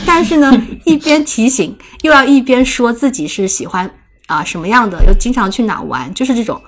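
Young woman telling a lively story. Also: on the high side, normal speed. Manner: lively, laughs often while telling a story. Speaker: podcast co-host. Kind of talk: casual storytelling chat.

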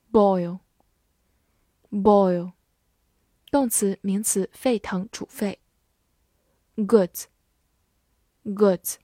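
A woman teacher works through a vocabulary drill at a very slow pace, saying each word twice before its meanings. Her voice is mellow and measured, and the recording is dry and close. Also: medium pitch, no echo. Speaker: English teacher.

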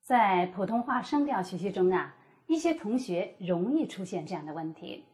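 A woman explaining Mandarin tones as a teacher, demonstrating each tone with exaggerated pitch. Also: very animated, normal speed, a little mellow. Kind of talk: scripted teaching dialogue.

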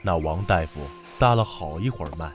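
A man narrating a classic novel for children in an expressive, dramatic storytelling manner. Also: low-pitched, fairly quick, soft background music.

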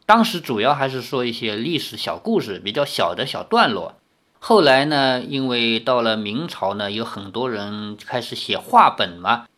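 A man reading a novel aloud and breaking off for relaxed, chatty commentary. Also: mid-range voice. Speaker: audiobook reader.

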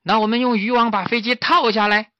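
A man doing squeaky excitable little monkeys. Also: fairly quick, dry recording. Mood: eager. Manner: high excited questioning. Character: eager chattering little monkeys, childish and excitable. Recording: slightly muffled dry recording.

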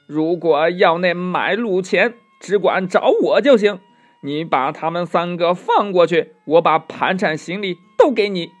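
A man's voice: high voice, animated, a little slow, soft background music. Man doing a clever monkey monk, sly, mock-humble, raised voice, storybook reading. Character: clever monkey king monk, feigning meekness.

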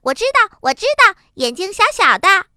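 A woman voicing an excitable, boastful little bunny who keeps repeating herself. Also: normal speed, no echo, clean studio sound, full character voice. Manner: shrill, eager, repeats itself.

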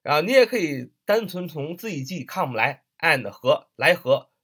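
Husky male teacher, lively pitch. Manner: spells words letter by letter and repeats them slowly; frequent "uh" and "ah" fillers. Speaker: English listening teacher. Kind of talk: casual online lesson.

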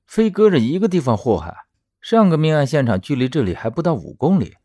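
A man voicing an exasperated, brisk police officer in an audiobook drama. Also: medium pitch, expressive, mellow, no room sound, clean studio sound, lightly acted.

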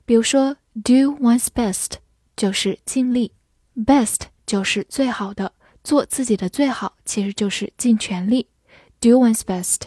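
A fairly high-pitched woman with a mellow, dark tone gives a scripted English vocabulary lesson. She speaks clearly and patiently and slows right down for example sentences. The recording is very dry and close, with no room sound. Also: dry recording. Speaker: English teacher.

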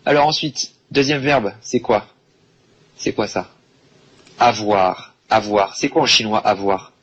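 A man teaching a French lesson to Chinese speakers, patient and repetitive, slowing down to stress words. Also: lowish voice, husky, dull audio. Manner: patient, repetitive, slow and emphatic.

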